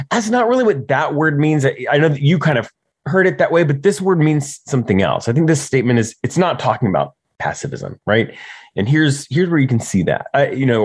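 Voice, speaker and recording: Animated man giving ministry advice. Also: fairly high pitch, dry recording. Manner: animated, often asks "right?" to check in. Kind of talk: conversational teaching talk.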